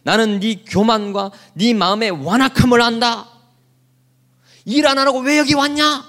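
A man's voice: very high voice, fairly even intonation, normal speed, voice pushed up. A man voicing an angry older brother who scolds his youngest sibling. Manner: shouting rebukes.

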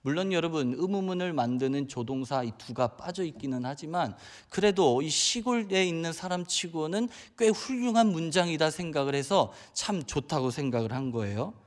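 A man's voice: fairly high pitch, animated, moderate pace, few pauses. A man from Chungcheong Province preaching a sermon, telling a humorous story and often addressing the congregation directly. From Chungcheong Province, Korea. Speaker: pastor. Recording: long hall reverb.

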